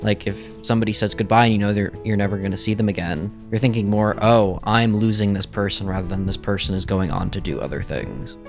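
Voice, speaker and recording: A low-voiced man chats as a podcast guest in a hesitant way, peppering his talk with "like." Faint music sits underneath. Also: fast, gravelly, few pauses, darkish tone. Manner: hesitant, lots of "like" fillers. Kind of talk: casual chat.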